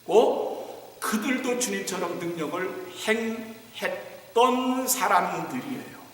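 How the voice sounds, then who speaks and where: A high-voiced man preaches with dramatic swings, dropping to near whispers and then rising to emphatic calls. He sounds far from the mic in a church sanctuary. A long, heavy hall reverb trails every line. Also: expressive, slow pace. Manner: dramatic, swings from hushed whispers to raised exclamations. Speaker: pastor. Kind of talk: sermon. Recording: echoey church hall, voice from afar.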